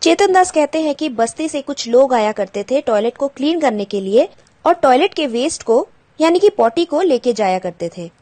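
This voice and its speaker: A woman's voice: high-pitched, lively intonation, moderate pace, dark tone. A woman teacher patiently explaining a school textbook chapter to children, glossing English words and asking the pupils questions.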